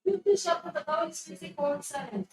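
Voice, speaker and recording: Going over a test with her class, this woman teacher firmly corrects mistakes and repeats key words to prepare them for the exam. Her voice sits high with a darkish tone, lively intonation and a moderate pace, recorded in an echoey room with faint noise.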